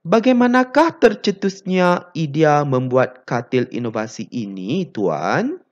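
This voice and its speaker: A teacher reading the part of an eager reporter in a textbook dialogue, in a bright, exclamatory delivery. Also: mid-range voice, sing-song, takes it slowly, dull audio. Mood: enthusiastic. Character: eager reporter praising an inventor.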